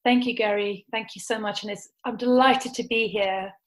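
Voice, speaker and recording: A woman from South Africa with a South African accent, a coach speaking calmly as a podcast guest. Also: mid-range voice, moderate pace, rough recording. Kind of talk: podcast interview.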